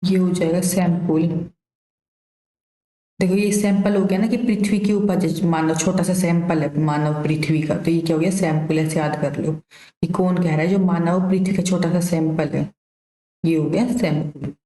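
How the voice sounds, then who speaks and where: A woman teacher walks through revision questions in a low, flat voice. Her tone is mellow and unhurried, and she explains casually with memory tricks. The room gives her voice a noticeable echo. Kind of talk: exam revision lesson.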